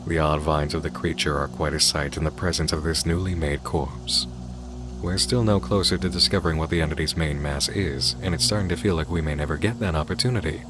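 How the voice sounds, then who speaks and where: A man's voice: very deep voice, steady tone, fairly quick. A man reading scripted, analytical video essay narration. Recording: clear background noise under voice.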